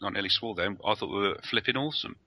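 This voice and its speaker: A man's voice: fairly low pitch, fast talker, bright, forceful tone, low-quality recording. A man co-hosting a podcast, joking and cheeky in casual chat. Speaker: podcast co-host.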